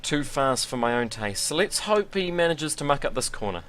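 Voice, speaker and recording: A man's voice: medium pitch, very animated, normal speed, fairly bright tone, soft background music. A man giving casual, rambling and self-deprecating commentary while sim racing.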